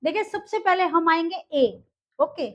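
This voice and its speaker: A woman's voice: extremely high pitch, expressive, measured pace. A woman teacher explaining English pronunciation in a video lesson, mixing in English phrases and often checking in with "okay". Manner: repeats words and checks in with "ok" and "dekhiye"; mixes Hindi with English phrases. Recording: slightly dull lo-fi audio.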